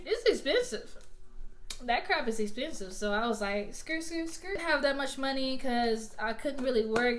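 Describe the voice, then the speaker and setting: A young woman from Alabama, chatting casually to her viewers in an unboxing vlog and Q&A, rambling and drifting off track. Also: on the high side. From Alabama, US South. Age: young adult. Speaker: vlogger.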